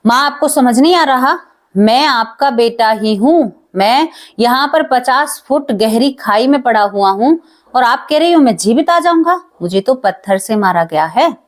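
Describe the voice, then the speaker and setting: A woman's voice: a little high, expressive, a little slow. A woman voicing the spirit of a murdered husband who speaks through his grieving wife's body, anguished and insistent. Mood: angry insistent.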